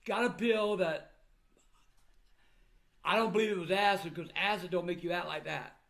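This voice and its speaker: This older man's voice sits high and a bit bright, with some vocal fry and a moderate pace. Talking casually to his viewers, he recounts family troubles in the blunt, plain way of an old grandfather.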